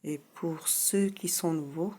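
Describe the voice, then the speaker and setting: A middle-aged woman gives a grammar lesson in a low voice. She talks slowly and patiently, stopping often to repeat the point she wants her students to remember. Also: a little mellow, slightly rough. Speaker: French teacher. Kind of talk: slow explanatory lesson.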